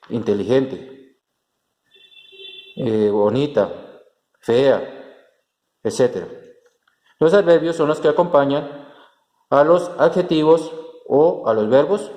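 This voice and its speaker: A man's voice: mid-range voice, darkish tone. A man, a teacher explaining a class lesson step by step, with frequent fillers and restarts. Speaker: Spanish teacher. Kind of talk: recorded class tutorial. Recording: roomy echo with long reverb and faint background noise.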